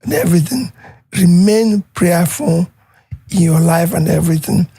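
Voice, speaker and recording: A husky-voiced speaker gives earnest advice in an interview. The delivery is pious, and the sound is close and dry. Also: mid-range voice, animated, normal speed, warm tone, dry recording.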